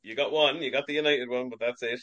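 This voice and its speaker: A man hosts a sports quiz over a video call. He reads each question at a measured, steady pace and keeps score plainly. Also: medium pitch, highs cut off. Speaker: quiz master.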